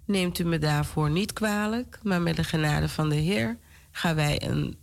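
A woman with a stuffy nose and a hoarse voice from a cold, presenting a devotional radio programme in a formal, measured way. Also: low-pitched. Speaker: radio host leading morning devotion.

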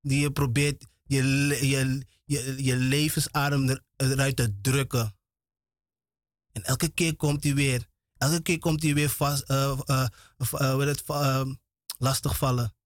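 A man's voice: mid-range voice, steady tone, measured pace, no echo, clean studio sound. A man preaching on the radio, emphatic and repetitive, often breaking off and restarting his words. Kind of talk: radio sermon.

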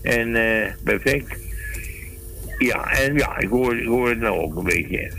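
A man's voice: mid-range voice, slow pace, creaky, pushed and bright, a little hiss or hum. A man calling in to a radio show over a phone line, talking in a friendly, hesitant way with many fillers and restarts. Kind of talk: casual chat on air.

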